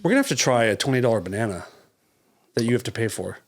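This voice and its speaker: A man's voice: medium pitch, lively intonation, quick pace. A man hosting a podcast in casual chat, teasing his guest in a blunt, joking, profane way. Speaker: podcast host.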